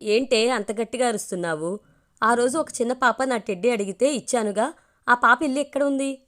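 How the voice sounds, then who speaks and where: An impatient young wife presses her questions loudly and insistently, voiced by a woman reading a story. She comes across a touch higher and brighter than plain talk. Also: fairly quick, lightly acted.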